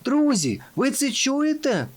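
A man voicing a clever young male fennec fox in a storybook, shouting in a high, frantic voice. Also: wildly swooping pitch, normal speed, full character voice. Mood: alarmed.

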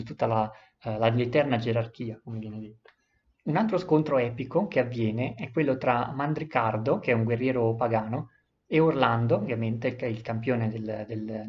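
A man's voice: medium pitch, highs cut off. A man explaining and reading aloud an epic poem, with frequent hesitations and self-corrections. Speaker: literature presenter.

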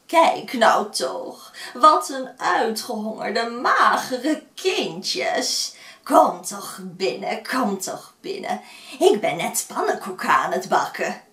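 Cackling crooked old witch, as a young woman puts her on, sly and wicked, lively swoops, drawn-out delivery, storybook reading in a roomy space from off mic. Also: on the high side, far from the mic, exaggerated voice. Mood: sweetly luring. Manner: sweet then sly, cackling.

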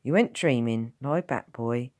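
A woman voicing a gruff but kind elderly countryman who speaks blunt rural dialect in a storybook reading. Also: very deep voice, a little slow, mellow, dry recording, studio quality.

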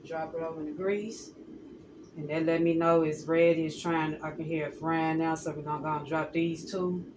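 A woman's voice: low-pitched, moderate pace. A woman, chatting casually to viewers as she cooks in her home kitchen. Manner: relaxed, chatty, addresses viewers as y'all. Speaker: cooking vlogger. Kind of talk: casual cooking vlog narration. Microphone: phone camera held close or set on counter. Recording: noisy home kitchen phone recording.

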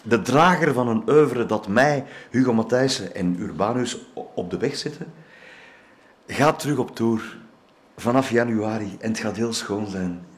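A man with a Flemish accent giving a playful speech and reading a comic poem at an award ceremony, with theatrical delivery. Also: medium pitch. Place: event hall.

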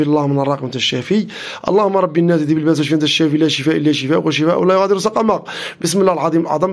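A man with a Moroccan Arabic accent recites a healing incantation as a traditional healer, repeating lines in a steady chanting rhythm. His voice sits high, and the words pour out at a breakneck pace. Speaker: Islamic healer.

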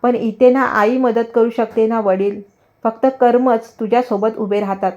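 A woman's voice: a little high, fairly even intonation, normal speed, a little mellow, lo-fi sound, close to an everyday voice. A woman voicing a stern, harsh messenger of death who commands a soul, in a storybook narration.

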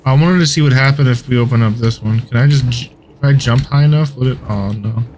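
A man tossing out quick quips and questions while gaming with friends. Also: medium pitch, a little mellow, a little hiss or hum. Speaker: gamer. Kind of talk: casual gaming banter over voice chat.

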